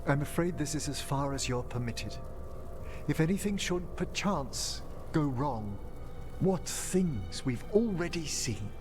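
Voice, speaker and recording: An actor gives a solemn, formal and earnest performance as a courteous, genteel middle-aged necromancer in a fantasy video game. His male voice is a little high and animated, a little slow, and sits over music.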